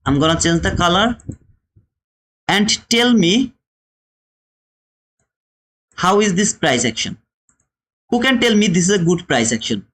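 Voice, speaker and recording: A man with a Bangladeshi accent, a trading teacher and livestream host, gives a live trading lesson to viewers as instructional commentary. His voice sits high and is a bit bright, with lively intonation and a slightly slow pace full of long pauses. He speaks emphatically, repeating phrases and posing rhetorical questions.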